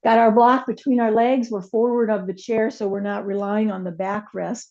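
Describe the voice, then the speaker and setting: A woman teaching a chair yoga and meditation class, giving gentle, unhurried cues with soft asides. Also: medium pitch, flat delivery, dull audio. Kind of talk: guided yoga class instruction.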